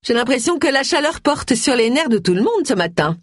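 A woman's voice: high voice, big pitch swings, fairly quick, dry recording, clean studio sound, voice pushed up. A woman doing a pushy, falsely sweet woman. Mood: sugary. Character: pushy, vain woman in her fifties.

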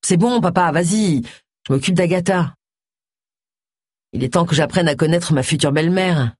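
A reader voicing a hostile young farmer's son who taunts and shouts threats. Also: male voice, a little high, normal speed, slightly rough, no echo, studio quality. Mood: smooth.

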